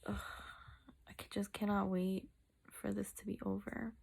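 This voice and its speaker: A woman vlogging casually after having her wisdom teeth out, tired and sore in the mouth. Her voice is full of heavy fry and stays in a narrow, flat range. She talks haltingly, drawing out words for emphasis. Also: medium pitch. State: sore mouth, recovering two days after wisdom tooth surgery. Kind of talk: casual personal vlog update, chatty.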